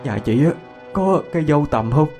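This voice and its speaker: A man's voice: on the high side, expressive, a little fast, pitched above the performer's own voice. A desperate, commanding middle-aged mother, as a male narrator puts her on issues firm orders in a raised Southern Vietnamese voice. The audio ghost story carries faint music beneath. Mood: urgent.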